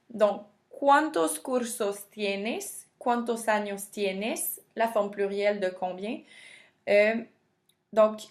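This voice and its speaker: A woman with a Québécois French accent teaching a Spanish lesson, patiently explaining each point and repeating it in two languages. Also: medium pitch. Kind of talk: bilingual classroom lesson.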